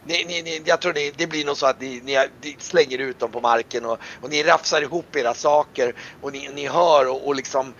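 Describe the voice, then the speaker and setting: A man's voice: few pauses, fairly bright tone. A man narrating a tabletop game as game master, rambling with many fillers. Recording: dull lo-fi sound with faint rumble.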